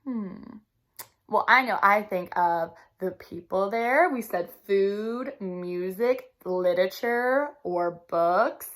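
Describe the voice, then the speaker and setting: A woman teacher reading a children's story aloud expressively, pausing to ask listeners questions. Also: mid-range voice, fairly bright tone.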